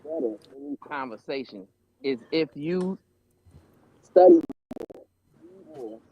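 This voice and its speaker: A man's voice: fairly high pitch, lively intonation, takes it slowly. Blunt man on a muffled, breaking-up call. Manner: blunt, preachy, keeps asking "right?". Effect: muffled, breaking-up call audio. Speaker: commentator on a group call. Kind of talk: lecturing debate talk. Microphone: online voice call.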